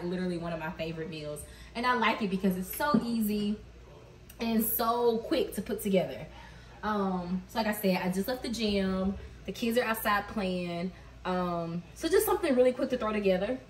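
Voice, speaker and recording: Cooking dinner at home, this mom vlogger in her thirties tells her viewers a story and laughs a lot in a cook-with-me chat. She has a medium-pitched, fairly bright voice with slight background noise. Her camera is across the indoor kitchen, giving an echoey, distant sound.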